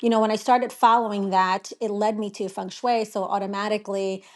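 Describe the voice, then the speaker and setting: A woman's voice: medium pitch, steady tone, a little fast. Chatty, modest woman interior designer. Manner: modest, chatty, many "you know" fillers. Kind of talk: casual interview chat. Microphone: phone or remote line.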